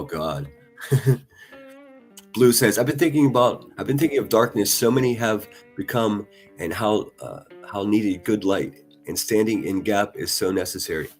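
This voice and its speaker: Blunt, cursing man streaming live. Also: lowish voice. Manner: blunt, profane, passionate, with frequent restarts. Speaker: live streamer reading viewer comments. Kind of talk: casual live stream chat. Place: at a desk in front of a laptop.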